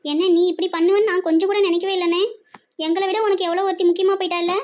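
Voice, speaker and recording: Woman playing a sharp scolding cartoon sister from tirunelveli, high and quick. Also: level tone. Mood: indignant. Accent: Tirunelveli Tamil. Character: indignant young woman, the sister. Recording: muffled lo-fi.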